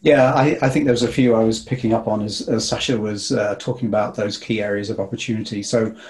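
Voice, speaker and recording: An older man in his sixties talks as an executive guest on a video call, thoughtful and unhurried. His voice is mellow and dark. He sits in a small room before a webcam. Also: fairly low pitch, steady tone, low-quality recording. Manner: thoughtful, with frequent fillers and restarts. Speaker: company vice president, guest. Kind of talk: panel discussion on a video call.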